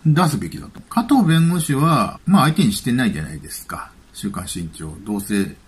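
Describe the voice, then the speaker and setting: Gravelly man in lively casual commentary. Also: mid-range voice, a little fast. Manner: chatty, offhand, thinking aloud. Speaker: YouTube commentator.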